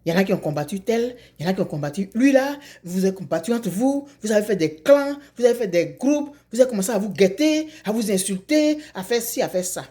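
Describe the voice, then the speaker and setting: Storyteller figure: woman voicing a patient wise old man, measured and reproachful, mid-pitched, spoken tale. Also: expressive, dark tone, lightly acted.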